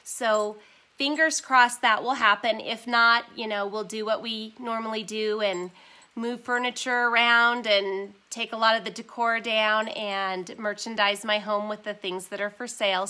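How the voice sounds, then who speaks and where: A woman's voice: medium pitch, bright, forceful tone. A woman in her forties hosting her first live stream from home on a phone, chatting casually, reading comments and apologizing for her nasal, sniffly voice and her ums. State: stuffy, nasal from a sinus cold. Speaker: vintage shop owner hosting a live stream.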